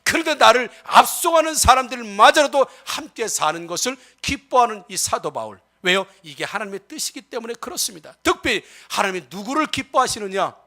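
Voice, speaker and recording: A male pastor preaching a Sunday sermon, asking the congregation rhetorical questions and swinging between loud exhortation and soft asides. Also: extremely high pitch, big pitch swings, brisk, few pauses.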